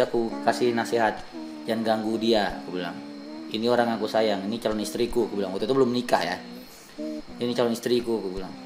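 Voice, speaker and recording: Here the same kind of casual vlog features a young Indonesian man narrating a ghost story on camera, lively and performing each quoted voice. He speaks at medium pitch over background noise.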